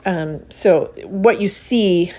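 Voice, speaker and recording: A woman's voice: lowish voice, very slow, dark tone. A woman vlogger casually narrating her home cleaning, chatty and self-deprecating.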